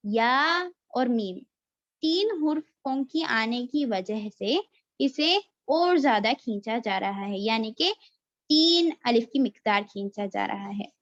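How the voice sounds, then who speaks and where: A woman teaching letter reading, patiently explaining and drawing out each sound so students can follow. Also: high-pitched. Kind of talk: slow explanatory lesson with drawn-out letter recitation. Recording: dull lo-fi recording.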